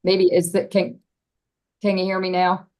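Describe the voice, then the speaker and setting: A woman's voice: lowish voice, monotone, a little slow, dark tone. A woman legislator asks hesitant, searching questions at a committee hearing over a video call, and her audio breaks up and freezes mid-sentence as the connection buffers. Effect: choppy, buffering video-call audio that freezes mid-sentence.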